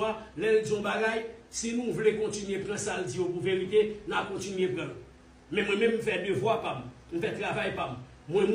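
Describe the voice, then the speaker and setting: A man from Haiti giving heated online commentary, mocking and scornful, repeating his jabs. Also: high voice. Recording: roomy echo, distant from mic.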